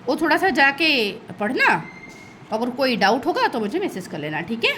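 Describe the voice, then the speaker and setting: Lively high-voiced woman teaching a class. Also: normal speed, a little hiss or hum. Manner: lively, checks understanding with constant "okay?" asides; laughs at her own slips. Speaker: school English teacher. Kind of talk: online class explanation in mixed Hindi and English.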